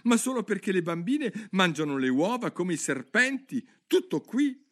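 A man's voice: high-pitched, very animated, moderate pace, a bit bright, voice pushed up. A man voicing an earnest, indignant young girl in a storybook. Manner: indignant, protesting.

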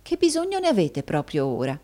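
A woman's voice: a little high, very animated, a little fast, darkish tone, pitched above the performer's own voice. A woman reading a storybook voices a fond, fussy middle-aged wife who runs a dressmaking shop, exclaiming and affectionate.

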